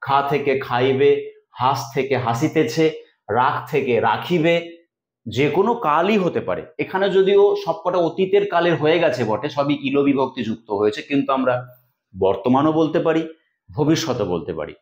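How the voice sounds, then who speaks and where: Bengali grammar teacher in an echoey room. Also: male voice, a little high, expressive, moderate pace. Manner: explains step by step, repeats key rules. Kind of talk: classroom grammar lesson.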